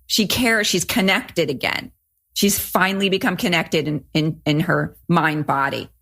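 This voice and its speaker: A woman's voice: on the low side, unhurried, creaky, fairly bright tone. A woman co-hosting a podcast, talking casually and emphatically about a student's story, often restarting sentences. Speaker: podcast co-host.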